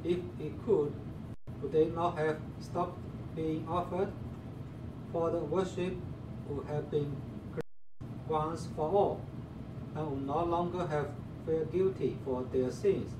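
Man, class member, scripture reading, very slow, distant and roomy. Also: on the high side, steady tone. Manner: measured, phrase-by-phrase reading. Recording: distant roomy pickup with air-conditioning noise.

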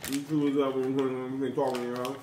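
A man's voice: medium pitch, flat delivery, fairly quick, warm tone, slight background noise. A man hosting a casual food review taste test at home, chatty and teasing. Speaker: video host. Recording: echoey room.

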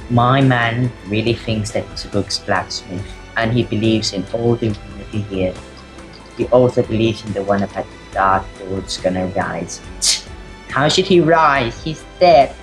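Guy doing a sad lonely blacksmith diary for a game rp, halting, theatrical, slow, faint music. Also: lowish voice, low-quality recording. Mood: confiding, troubled. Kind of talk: improvised video game role-play.

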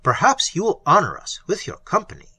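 A man's voice: high voice, huge pitch swings, brisk, sharp tone, slightly rough, no echo, pitched above the performer's own voice, full character voice. A man voicing an oily, mocking necromancer who purrs his sardonic words. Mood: purring. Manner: purring, sardonic.

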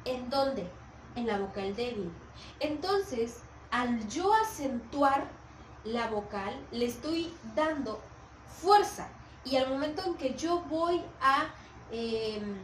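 A woman's voice: high-pitched, roomy sound, far from the mic, a little hiss or hum, poor audio. A woman with a Mexican accent, a primary school teacher giving a recorded video lesson, patient, repeating points and checking often that the children follow. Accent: Mexican Spanish.

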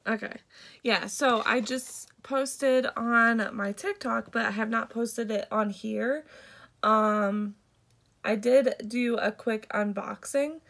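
A woman's voice: fairly high pitch, vocal fry. A young woman with a congested voice, chatting casually through a makeup vlog with lots of ums and likes. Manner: rambling, many ums and likes. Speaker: beauty vlogger and product seller.

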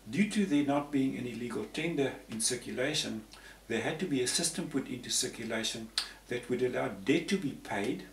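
His voice is gravelly and mid-range, and he talks briskly with hardly any pauses. A man in his sixties from Zambia, he's a panel guest whose explanations ramble conversationally with lots of repeated words. Faint hiss and a roomy, distant sound mark the recording, made against a patterned tapestry backdrop.

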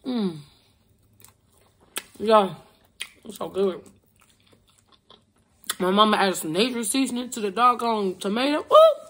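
A woman's voice: medium pitch, sing-song, slow pace, long pauses, a bit bright. A woman doing a casual food review as a vlogger, talking and humming with her mouth full of food. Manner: chatty, savoring with long hums.

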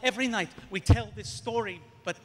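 An actor playing a gentle old-world stage manager, who introduces a story in measured, theatrical narration. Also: male voice, high-pitched, long reverb tail. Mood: wistful.

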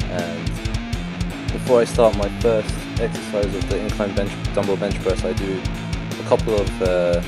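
A man with a hoarse, croaky frog-in-the-throat voice from a sore throat, plainly explaining a workout in voice-over. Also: low voice. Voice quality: croaky, froggy voice. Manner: plain, instructional. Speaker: vlogger, fitness trainer. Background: prominent guitar music.

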